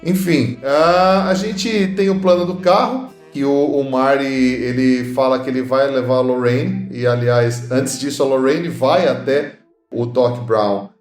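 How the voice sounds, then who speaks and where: A man co-hosts a podcast, chatting casually about film and recounting movie trivia with playful asides. His voice sits at medium pitch and he speaks unhurriedly. The room is echoey, with faint music in the background.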